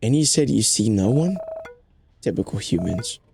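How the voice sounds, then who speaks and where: A man's voice: fairly low pitch, animated, normal speed, gravelly, music in the background. Sarcastic plant, voiced by a man, dry and scornful.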